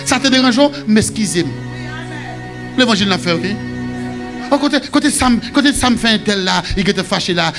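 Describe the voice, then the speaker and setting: A man with a Haitian accent preaching a sermon as pastor, shouting and singing some phrases. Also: very high voice. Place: church.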